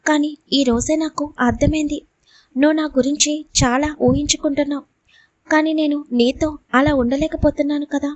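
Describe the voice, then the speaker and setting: A young wife, wounded and pleading, her words coming out upset and close to tears. A woman narrator reads her in a high, dry voice for a storybook reading. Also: fairly even intonation, a little fast, darkish tone, no room sound, dull audio, lightly acted. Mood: tearful. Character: young wife, hurt and tearful. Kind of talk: audiobook character reading.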